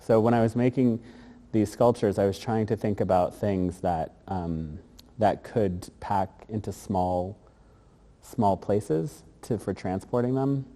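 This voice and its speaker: Here the same kind of speaker, an artist raised across Germany, Korea and the US, takes his time over casual interview answers. His deep, mellow voice wanders thoughtfully, full of fillers and restarted sentences, and the gallery room adds a long trailing echo.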